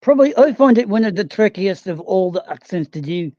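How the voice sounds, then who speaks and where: A man with a high but dark, mellow voice, teasing and laughing in a casual chat. The audio is dry and dull, like lo-fi voice chat. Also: animated, a little fast, dry recording.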